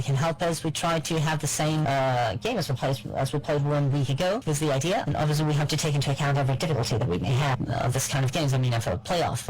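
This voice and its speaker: Live interpreter, halting and measured, filling pauses while keeping up with the speaker. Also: mid-range voice, rough recording. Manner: halting, measured delivery with frequent fillers. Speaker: press conference interpreter.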